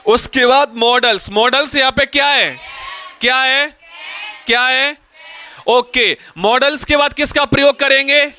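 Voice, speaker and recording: A man teaching a classroom grammar lesson, firing questions at the students and pushing them to answer loudly. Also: extremely high pitch, a little slow, slight background noise.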